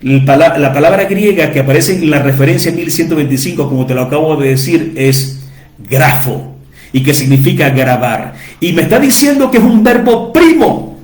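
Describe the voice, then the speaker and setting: A man's voice: a little high, lively intonation, normal speed, a little mellow, echoey room. A man teaching from the Bible to his listeners, repeating key words and asking rhetorical questions for emphasis. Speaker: preacher.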